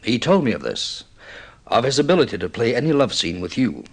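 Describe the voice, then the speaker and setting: Playing a middle-aged filmmaker in old-time radio drama fashion, this man sounds intense, mournfully insistent, theatrical and deliberate. His pitch sits in the middle but swings widely, carrying an impassioned, persuasive mood.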